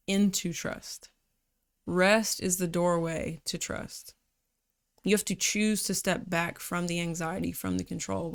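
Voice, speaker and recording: A woman coach giving a calm, reflective talk on rest and trust, unhurried and slipping into casual slang. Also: on the low side. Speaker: personality typology coach.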